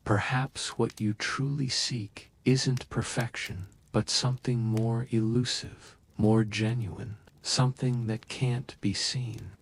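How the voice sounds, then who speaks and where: A man narrating a soothing bedtime story in a soft, calm, hushed way. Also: mid-range voice, takes it slowly, few pauses.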